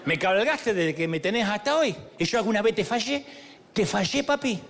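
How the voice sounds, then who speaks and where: A man's voice: high voice, lively intonation, a little fast, a bit bright, big-room sound, a faint crowd. A man voicing a cheeky, reasonable female donkey with an Argentine accent, in a streetwise pleading banter.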